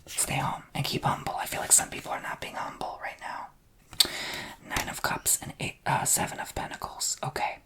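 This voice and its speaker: A woman tarot reader giving a sassy, blunt reading, almost entirely in a whisper that often rises to a whisper-shout. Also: moderate pace.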